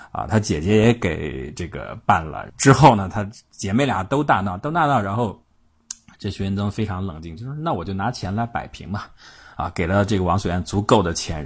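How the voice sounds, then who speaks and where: A man's voice: deep voice, slightly rough. A man telling history stories in a chatty, colloquial way, with frequent filler sounds. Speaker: history storyteller. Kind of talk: casual spoken history storytelling.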